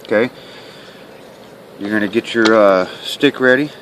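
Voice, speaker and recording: A man giving a hands-on how-to demonstration in a plain-spoken, instructional way, often checking in with a quick okay. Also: lowish voice, a bit bright, low-quality recording. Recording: clear ambient and handling noise.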